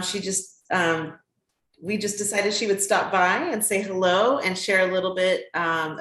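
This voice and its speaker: A woman with a somewhat low voice hosts an interview, warm and affirming, with many "um" fillers. She is a children's book author and teacher. Her voice rings in an echoey room. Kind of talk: friendly interview hosting.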